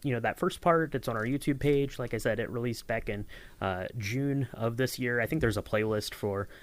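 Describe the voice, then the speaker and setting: In a casual behind-the-scenes podcast chat, this male co-host speaks at normal speed with a medium-pitched voice. His talk rambles, with plenty of fillers and restarts.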